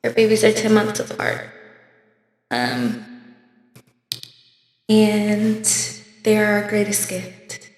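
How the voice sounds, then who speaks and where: With a medium pitch, lively intonation, and a slightly mellow tone, this Oakland, California podcast co-host in her twenties speaks slowly with long pauses. She keeps the chat casual and candid, using slang and laughing often, in an echoey room with long reverb.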